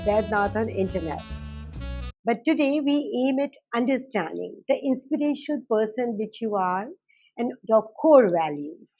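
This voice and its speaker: A woman with an Indian accent, hosting a formal interview in deliberate, measured phrases. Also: fairly high pitch, a little mellow. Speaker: talk show host.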